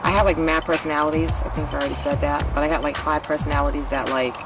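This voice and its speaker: A woman's voice: low voice, fairly even intonation, fast talker. A woman singer talking candidly in an interview, rambling and swearing, with lots of "like". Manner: rambling, profane, full of "like". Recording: music playing under the voice.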